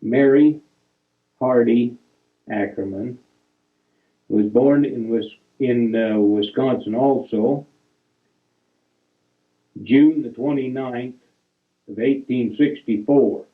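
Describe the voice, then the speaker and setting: Over what sounds like a tinny phone line, thin and boxy, an older man with a middle-pitched voice describes old family photos. He goes at an unhurried, halting pace, breaking off between names and dates, reading dates bit by bit and fixing his mistakes as he goes.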